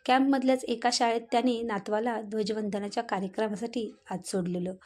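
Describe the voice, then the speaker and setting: A woman narrating a story in a measured, gentle reading voice. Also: medium pitch.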